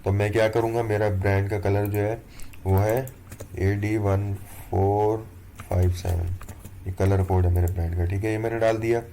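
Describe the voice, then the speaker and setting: A young man walks through a lesson in a low, fairly monotone voice. His tone is mellow and unhurried, and he keeps checking that the viewer is following. A faint hiss sits under the recording. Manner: relaxed, step-by-step, keeps checking in with "theek hai". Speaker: course instructor. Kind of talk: screen-recorded tutorial walkthrough.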